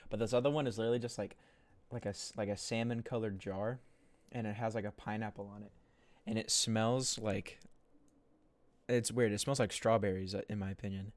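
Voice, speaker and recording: A man's voice: lowish voice, steady tone, fairly quick, dry recording. Casual young man rambling on a podcast. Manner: rambling, fillers, frequent laughter. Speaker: podcast co-host. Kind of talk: casual chat.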